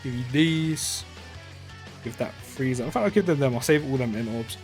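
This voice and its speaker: A man's voice: medium pitch, moderate pace, faint music behind. A man giving casual, rambling commentary while playing a mobile game, full of fillers and restarts. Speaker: gaming YouTuber.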